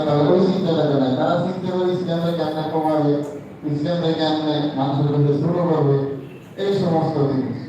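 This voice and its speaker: A man's voice: fairly high pitch, mellow, dull audio, slight background noise. A middle-aged man giving an earnest, preacherly address to young students at an award ceremony. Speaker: speaker at a Quran memorization award ceremony. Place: large echoey event hall. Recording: echoey hall from far off.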